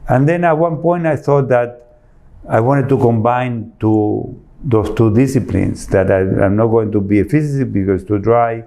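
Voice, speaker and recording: A man's voice: mid-range voice, normal speed, mellow. A man from Argentina with an Argentine accent, an architect answering interview questions earnestly, often rephrasing as he searches for words. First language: Spanish. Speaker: architect guest.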